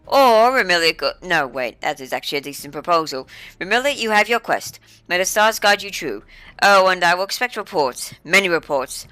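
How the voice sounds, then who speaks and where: A woman's voice: lowish voice, expressive, normal speed, bright, forceful tone, smooth, no echo, voice pushed up, low-quality recording. A woman voicing a haughty, theatrical quest-giver with a commanding delivery.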